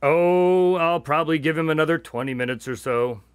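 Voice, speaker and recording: An actor playing an exasperated but loyal doctor sidekick in a radio drama, conversational and dry in manner. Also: male voice, a little high, normal speed, clean tone, no echo, lightly acted. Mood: weary, puzzled. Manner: conversational, dry, long-suffering. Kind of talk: modern radio drama acting.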